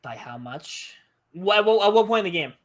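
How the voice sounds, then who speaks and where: A man from Texas co-hosting a casual sports commentary stream, excitable and playfully scolding his partner. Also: high-pitched, fairly quick. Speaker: co-host and commentator.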